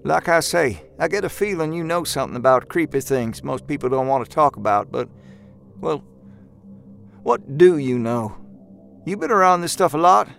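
A man voicing a young, rough-spoken country man with a folksy slang drawl, eager and haunted, in an audiobook. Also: fairly high pitch, expressive, normal speed, a bit bright, faint music behind, voice pushed up. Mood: earnest. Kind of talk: audiobook character voice.

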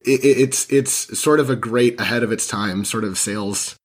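A man guesting on a podcast while sick, sounding hoarse and talking thoughtfully with wry sarcasm. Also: mid-range voice, moderate pace. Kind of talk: casual podcast discussion.

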